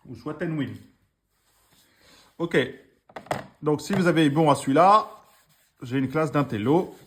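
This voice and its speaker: A man's voice: fairly high pitch, unhurried, slight background noise. A man teaching Quran reading in during a live online lesson, patiently sounding out syllables again and again.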